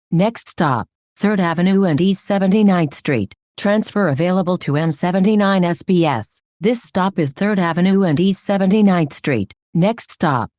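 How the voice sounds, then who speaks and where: A woman's automated bus stop announcement voice, pitched a little low. She reads each stop and transfer in measured, clipped phrases. The recording is dry and close, with no room sound around it. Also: a little mellow, dry recording.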